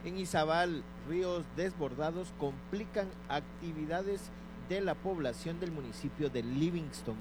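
A man's voice: a little high, measured pace. Male news anchor over noise. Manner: formal announcing. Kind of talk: radio news presenting.

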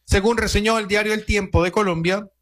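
A man hosting early-morning radio news in a notably high voice. He talks loosely and conversationally, dropping in wry asides between the news items. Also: steady tone, a little fast, a bit bright. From Venezuela. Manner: conversational, reads quotes aloud, adds wry asides.

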